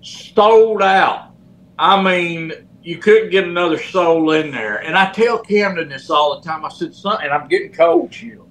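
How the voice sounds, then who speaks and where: Slow-talking older man wrestler. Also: sits high, poor audio. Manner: animated storyteller, folksy, sound effects. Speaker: former pro wrestler, guest. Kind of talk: casual storytelling interview.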